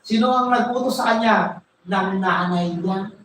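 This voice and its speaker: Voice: medium pitch, unhurried, a bit bright. A preacher retelling a Bible story in a sermon, often repeating words while searching for a name and asking the listeners "right?". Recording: echoey room from far off, faint noise.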